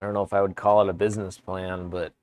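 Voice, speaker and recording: A man streaming live from his woodworking shop, chatting casually with viewers in a relaxed, rambling way. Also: low-pitched, quick pace, no room sound. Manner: relaxed, rambling, chats with viewers between tasks. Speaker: woodworking livestreamer. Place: home workshop.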